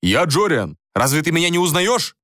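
A man's voice: a little high, big pitch swings, normal speed, sharp tone, dry recording, studio quality, voice pushed up. A man voicing a bold former king who speaks in urgent, clipped commands. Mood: persuasive.

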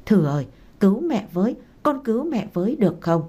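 A woman voicing a desperate middle-aged mother in a read-aloud story, pleading slowly and tearfully. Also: medium pitch, big pitch swings, mellow, breathy edge, muffled recording.

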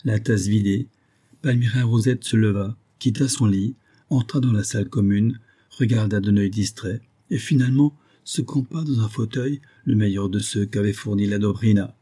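Low husky male audiobook narrator. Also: moderate pace, dark tone. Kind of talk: audiobook reading of a classic novel.

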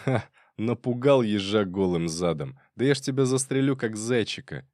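A man's voice: fairly low pitch, expressive, normal speed, a little mellow, no echo, clean studio sound, pitched above the performer's own voice, close to an everyday voice. A man voicing a big, brash male investigator who is drunk and taunts his rival coarsely. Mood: taunting.

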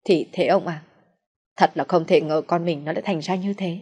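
A woman reading the part of a soft-hearted, worried elderly mother in an audio story, pleading gently. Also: on the low side, moderate pace, slightly rough. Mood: distressed.

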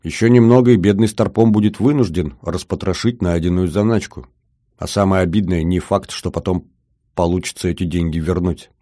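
A man narrating a first-person science fiction audiobook in a steady, measured way. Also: deep voice, dry recording, studio quality.

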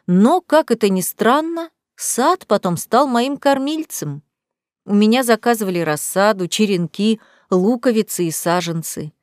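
Calm woman narrating an audiobook. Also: mid-range voice, no echo, studio quality. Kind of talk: first-person audiobook narration.

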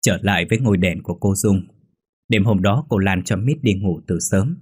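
A man narrating a horror story in a measured, ominous reading. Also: sits low, darkish tone, husky. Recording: faint background music.

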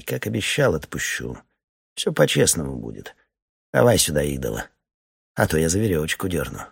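A man voicing a ruthless, scheming Soviet army major who mocks and yells threats in an audiobook. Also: deep voice, gravelly, slightly rough, exaggerated voice. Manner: mocking, then yelling threats.

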